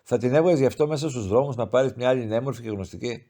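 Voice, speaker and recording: A man's voice: mid-range voice, animated, dark tone, lightly acted. A man voicing a grieving, pious older village mother who speaks in plaintive, heartfelt pleas. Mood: aggrieved.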